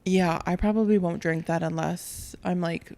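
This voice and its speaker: A woman's voice: lowish voice, steady tone, moderate pace, dark tone. A young woman co-hosting a podcast in casual chat, laughing often and telling rambling stories. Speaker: podcast co-host.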